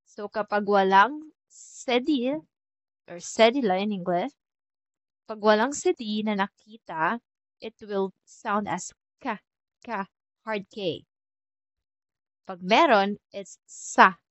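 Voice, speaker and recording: A woman from the Philippines giving a casual French lesson, chatty and repeating example words slowly. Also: mid-range voice, expressive, no room sound, rough recording. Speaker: French teacher.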